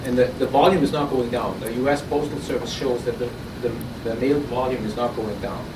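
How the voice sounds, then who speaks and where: This Austrian German speaker pitches his startup at an innovation event at a brisk pace, chatting casually and frequently restarting and repeating himself. The conference room sounds big and reverberant, and he seems far from the mic. Steady air hiss and room noise fill the audience recording.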